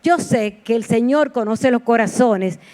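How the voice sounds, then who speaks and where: A woman's voice: on the high side, unhurried, darkish tone. A woman preacher giving a sermon in a heartfelt, personal storytelling manner, with repeated exclamations. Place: church sanctuary.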